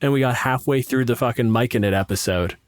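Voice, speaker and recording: A quick-paced young Canadian man with a mid-range voice chats as podcast co-host and game master, with no echo on the recording. He swears, pokes fun at himself and tells stories using quoted asides.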